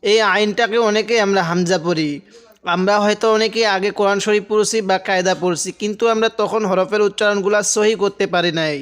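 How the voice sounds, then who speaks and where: A man's voice: high-pitched, steady tone, a little fast, a bit bright, smooth. A man teaching Quran reading, spelling out each letter and syllable, then chanting the verses drawn out. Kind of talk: slow spelled-out Quran recitation lesson.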